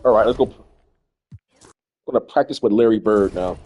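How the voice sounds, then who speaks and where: A man's voice: fairly low pitch, normal speed, darkish tone, breathy edge, lo-fi sound. A man giving casual, rambling commentary while playing a basketball video game, often repeating himself as he thinks. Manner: laid-back, rambling, repeats words as he thinks. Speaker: gaming streamer.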